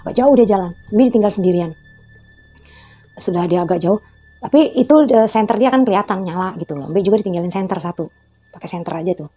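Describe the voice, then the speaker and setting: Faint music runs beneath slightly dull lo-fi audio as a storytelling vlogger in her fifties rambles through a casual tale, frequently restating who said what. She speaks quickly at a medium pitch, her voice mellow and husky.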